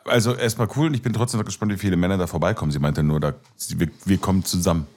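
A man's voice: sits low, very fast, a little mellow. A man hosting a podcast, joking and bantering in casual chat. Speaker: podcast host.

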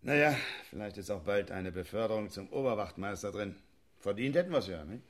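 A man's voice: lowish voice, expressive, brisk, a bit bright. An actor playing a smug married policeman who chuckles as he justifies harsh policing in a satirical sketch. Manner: self-righteous, chuckling, conspiratorial. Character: smug male riot policeman, married father. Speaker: policeman character.

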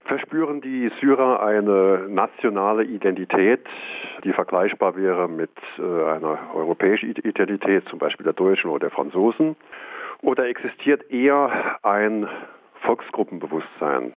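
A man with a very low voice phones in to a radio show. His formal, carefully phrased question comes through a tinny phone line. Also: normal speed. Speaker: caller.

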